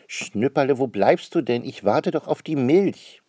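A busy storybook mother, impatient and full of questions, as a man reading aloud puts her on. The voice is lifted a little, husky and lively in pitch, recorded dry and close. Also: a little slow, dry recording.

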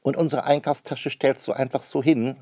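A man's voice: medium pitch, fairly even intonation, normal speed, a little mellow, no room sound, studio quality, pitched above the performer's own voice, natural voice. A man voicing a bossy schoolgirl who scolds her little brother in a storybook reading. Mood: scolding. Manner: scolding, indignant.

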